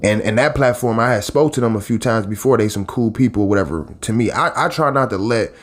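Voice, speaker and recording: A late-30s YouTube blogger and channel host talks to camera in a lowish voice at a fairly quick clip. He addresses his audience casually and at length, rambling with plenty of restarts and tangents.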